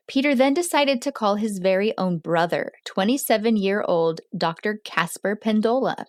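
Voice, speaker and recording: A woman hosting a podcast, reading a true crime story in a measured, steady way. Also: on the high side, no echo, studio quality. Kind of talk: scripted true crime narration.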